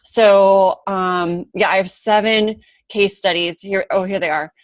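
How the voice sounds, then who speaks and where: A woman's voice: mid-range voice, fairly even intonation, a little slow, no echo. A woman hosting a casual video chat as a book-launch coach, explaining steps and laughing often.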